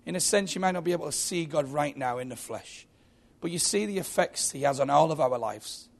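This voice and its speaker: Gravelly man preaching with stories. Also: a little high, animated, a little fast. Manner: storytelling with frequent restarts and repeated words. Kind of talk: sermon. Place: church.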